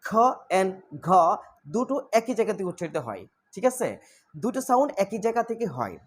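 A woman teaching English pronunciation, drilling sounds slowly and repeating them for practice. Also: medium pitch, sing-song, darkish tone, husky. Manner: slow drilling of sounds, mixing Bengali and English. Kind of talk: spoken English lesson. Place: indoor room with a fan running.

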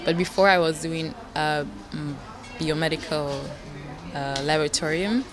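A young Belgian woman competing in a pageant answers interview questions hesitantly, using many fillers, while seated on a sofa in an indoor lounge. Her voice is low-pitched and steady at a normal speed, with background music playing behind it.

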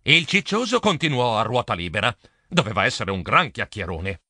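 Animated male children's audiobook storyteller. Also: mid-range voice, normal speed, dry recording.

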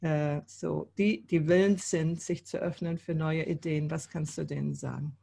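A woman's voice: low voice, fairly even intonation, normal speed, gravelly, dark tone, husky. Chatty woman host on a video call. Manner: conversational, thinking aloud with fillers. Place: indoor room.

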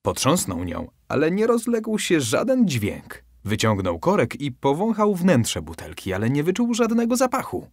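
A man reading a bedtime story aloud as scripted narration, expressive and dramatic. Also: normal speed, few pauses, no room sound, clean studio sound. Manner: expressive, with lively shifts in pitch.

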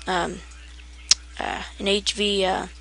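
A woman walks through a video game setup in a loose, half-asleep way. Her voice is bright with a gravelly edge, and she trips over words and laughs off her own mistakes. Keyboard typing sits behind her. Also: mid-range voice, flat delivery, slow. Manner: sleepy, rambling, self-deprecating. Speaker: gaming tutorial maker. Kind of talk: casual game tutorial.

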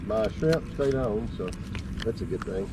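A man's voice: on the low side, expressive, a little slow, loud music behind the voice. A man in his fifties bantering playfully with a friend on a small fishing boat outdoors. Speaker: fishing buddy. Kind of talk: casual chat. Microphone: action camera on the boat, a few feet away.

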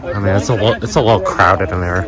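A man giving casual running commentary while browsing an outdoor flea market, murmuring excited remarks about items and prices, recorded on a handheld phone. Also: lowish voice, fast, a crowd in the background. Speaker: vlogger shopping a flea market. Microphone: handheld phone camera, first-person view. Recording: loud outdoor background noise.

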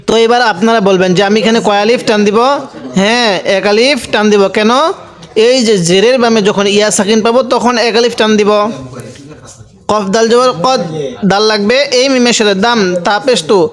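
A man with a Bangladeshi Bengali accent teaching Quran reading, spelling out each letter and vowel mark and then reciting the words slowly, asking his own questions and answering them. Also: high-pitched, fairly even intonation.

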